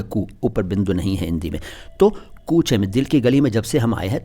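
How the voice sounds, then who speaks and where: A man's voice: fairly low pitch, mellow. A man teaches word meanings. He explains patiently, repeating words to correct their pronunciation, in the manner of a friendly lesson. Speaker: language teacher explaining song lyrics.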